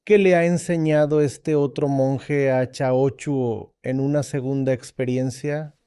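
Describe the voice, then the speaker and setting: A man giving a dubbed spiritual lecture as a teacher, speaking deliberately, repeating key points and checking that listeners follow. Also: mid-range voice, fairly even intonation, mellow, clear, resonant tone, dry recording, clean studio sound.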